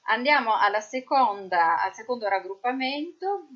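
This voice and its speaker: A woman's voice: fairly high pitch, lively intonation, muffled recording. A woman with an Italian accent teaching English verbs, drilling each form methodically. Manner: slow, methodical drilling of verb forms. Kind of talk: recorded grammar lesson.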